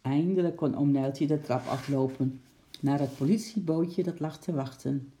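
A man reading a children's story aloud in lively storytelling style, switching into voices for the characters. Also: a little high, normal speed, slight background noise. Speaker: narrator.

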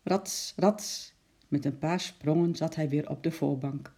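A storyteller reading a children's story aloud in a calm narrating voice. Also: medium pitch, moderate pace.

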